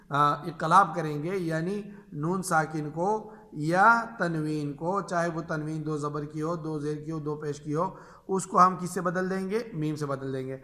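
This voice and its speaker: Bright-voiced man teaching Quran reading. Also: a little high. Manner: patient, repeats each rule and drawls examples slowly. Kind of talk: explaining tajweed rules to teachers.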